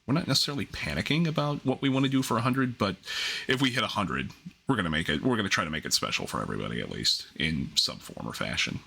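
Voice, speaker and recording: A man's voice: lowish voice, very animated, quick pace, creaky, sharp tone, breathy edge. A man hosting a livestream in casual gaming chat, rambling and often interrupting himself as he gets sidetracked. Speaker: livestream host.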